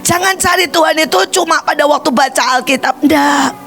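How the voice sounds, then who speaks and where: An older woman evangelist preaching a sermon, impassioned, breaking into shouts and addressing the congregation again and again. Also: fast, soft background music. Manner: high-pitched exclamations with wide swings.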